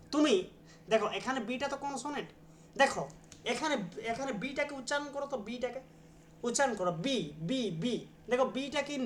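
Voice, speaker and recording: A man's voice: extremely high pitch, fairly bright tone. A man teaching an English grammar class online, explaining step by step and repeatedly prompting students to pronounce and answer. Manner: patient, repeats each sound many times.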